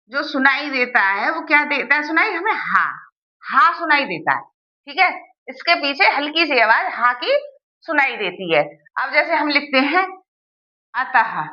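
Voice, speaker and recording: A woman's voice: sits high, muffled recording. A woman teaching a grammar lesson, asking her students questions and answering them herself, checking that they follow.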